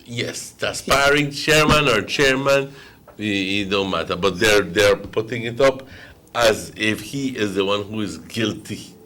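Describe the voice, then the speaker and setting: A man's voice: lowish voice, measured pace, pushed and bright. A man with a Belizean Creole accent hosting an impassioned political talk show, indignant and emphatic, repeating phrases for stress. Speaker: morning show host.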